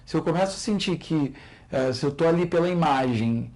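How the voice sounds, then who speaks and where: A man as a podcast guest in casual chat, relaxed and friendly with slangy asides. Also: fairly high pitch, brisk.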